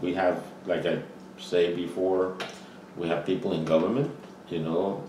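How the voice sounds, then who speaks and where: Recorded for an oral history interview through a distant mic in a roomy space with faint noise, a Costa Rican man in his seventies answers haltingly, leaning often on "you know." His very deep voice is mellow and level in tone.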